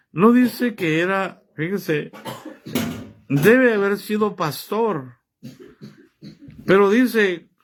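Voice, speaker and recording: A man preaching a sermon, reading scripture aloud and pressing his listeners with rhetorical questions. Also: sits high. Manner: reads scripture aloud and comments on it.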